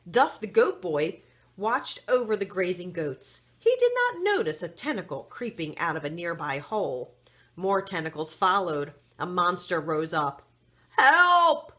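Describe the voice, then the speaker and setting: With a lowish voice, a woman reads a children's story aloud, giving it an expressive, deliberate storytelling delivery.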